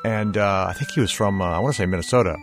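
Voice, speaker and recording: A male stage actor chatting in a radio interview, thoughtful and animated, laughing now and then. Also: on the low side, fast talker, soft background music. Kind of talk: casual interview chat.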